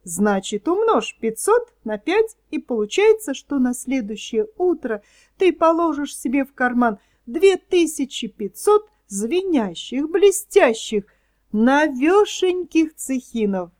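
A woman voicing a sly, scheming fox swindler in a storybook reading, talking smoothly and persuasively. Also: high-pitched, very animated, slow, darkish tone, full character voice. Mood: coaxing.

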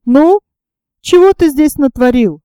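A woman reading an audiobook, voicing a flustered female train conductor who scolds in a shrill, tearful voice. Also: expressive, measured pace, warm tone, dry recording. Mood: annoyed.

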